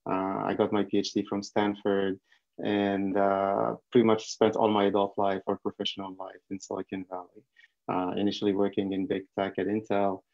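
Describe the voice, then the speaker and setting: A man's voice: on the low side, completely flat delivery, moderate pace. A man from Algeria, a founder, speaking on a panel over a video call in a hesitant way with many fillers. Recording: dull, lo-fi video call audio.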